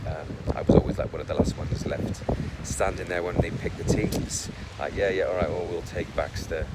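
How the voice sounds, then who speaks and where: A man's voice: deep voice, steady tone, normal speed. A middle-aged man talking casually to camera about his life, hesitant, with many fillers and restarts. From Wales. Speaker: vlogger. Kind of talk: casual personal talk to camera. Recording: loud wind noise over the mic.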